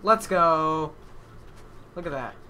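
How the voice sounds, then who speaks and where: A man's voice: on the high side, expressive, slow pace. A man hosting a casual gaming video, joking with friends while he plays. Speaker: channel host, game player. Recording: noisy gameplay audio.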